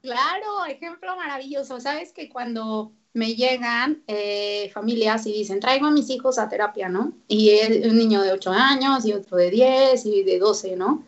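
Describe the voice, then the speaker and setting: A woman's voice: fairly high pitch, normal speed, few pauses, highs cut off. A woman, a therapist guest on a parenting radio interview, talking animatedly and acting out parents and children.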